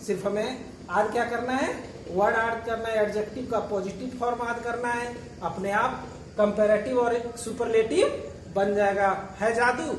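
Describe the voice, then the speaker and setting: A man's voice: very high-pitched, normal speed, a little hiss or hum. A male teacher explaining grammar. He keeps asking rhetorical questions, answers them himself, and patiently repeats and spells out words. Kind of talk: classroom grammar lesson. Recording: echoey room, voice from far off.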